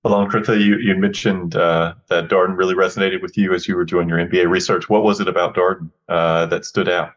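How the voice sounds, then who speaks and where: A man's voice: low-pitched, flat delivery, fairly quick, few pauses, muffled recording. A man hosting a podcast interview, friendly and prone to repeating words as he starts his questions. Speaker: podcast host.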